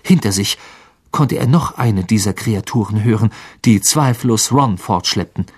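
A man narrates an audiobook at a slow, deliberate pace, building dramatic swells into the storytelling. His voice is gravelly and slightly husky, sitting at a mid pitch. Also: darkish tone.

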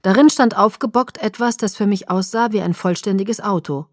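A woman reading first-person narration for an audiobook in an even, measured way. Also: medium pitch, dry recording, studio quality.

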